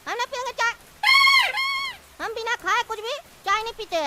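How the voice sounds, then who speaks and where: A woman voicing a cheeky, fussy young cartoon lad who argues and demands, over loud background noise. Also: very high voice, moderate pace. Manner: argumentative, demanding, suspicious.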